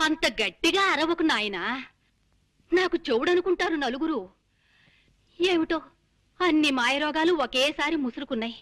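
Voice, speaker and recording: A sickly old mother who says she can barely hear. She talks in a high voice and grumbles in a fussy way. It is dialogue from a film comedy. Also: expressive, moderate pace, pauses often, a bit bright. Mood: complaining. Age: older. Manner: complaining, fussy.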